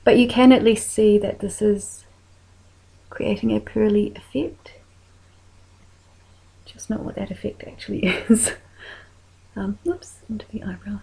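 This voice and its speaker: A woman with a New Zealand accent walks through her makeup step by step, speaking softly and slipping into whispers as she works. Her voice is mellow, with a gravelly, husky edge. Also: medium pitch, steady tone, a little slow, pauses often, rough recording. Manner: soft-spoken, often trailing into whispers while working. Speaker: makeup tutorial creator. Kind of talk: casual makeup tutorial.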